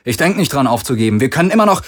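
A man's voice: medium pitch, sing-song, rapid-fire, voice pushed up. A man voicing a tough young ex-pirate gunner who talks through gritted teeth and swears. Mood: frustrated. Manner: gritted, cursing, raised.

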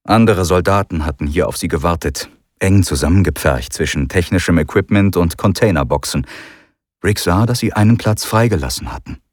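A man narrating an audiobook in an expressive, dramatic way. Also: low voice, moderate pace, no room sound, clean studio sound.

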